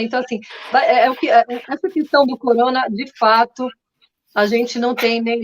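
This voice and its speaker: A woman hosting a conversation, earnest and talking in long run-on thoughts. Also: fairly high pitch. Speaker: podcast host. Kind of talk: conversational discussion. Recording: dull lo-fi sound.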